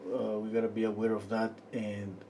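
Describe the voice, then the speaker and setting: A man from Peru teaching a live-stream painting lesson, quiet and unhurried, often trailing off into murmurs as he works. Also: fairly low pitch, monotone, slight background noise. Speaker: painting instructor.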